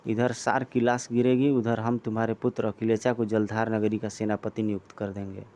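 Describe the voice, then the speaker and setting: A man's voice: mid-range voice, warm tone, close to an everyday voice. A man reading aloud the lines of a boastful, mocking male demon warlord from a comic. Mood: scheming. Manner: mocking, boastful, laughing menacingly.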